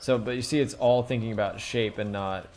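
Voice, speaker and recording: Male streamer, lowish voice, rambling drawing tips with fillers, quiet music bed. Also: steady tone, brisk. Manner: rambling, thinks aloud with fillers. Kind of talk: casual live-stream drawing lesson.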